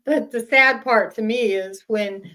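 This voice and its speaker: A woman chatting casually in a halting way, repeating words as she goes. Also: on the high side, sharp tone. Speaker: small farmer. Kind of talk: casual chat.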